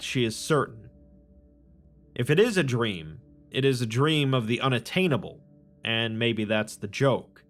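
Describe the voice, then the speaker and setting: A man giving scripted, measured narration of a strange tale. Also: mid-range voice. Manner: measured, descriptive storytelling. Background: faint music.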